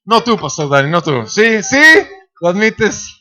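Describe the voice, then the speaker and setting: A man in his thirties preaching a sermon in church, telling family stories, acting out the voices of the people in them and shouting at the high points. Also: animated, measured pace. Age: 30s. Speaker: pastor. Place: church sanctuary.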